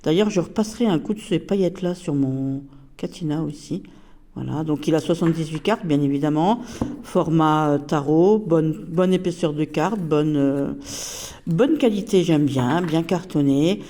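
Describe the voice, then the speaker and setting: A woman's voice: sits low, normal speed, mellow. A woman casually reviewing a tarot deck, chatty and hesitant with many fillers.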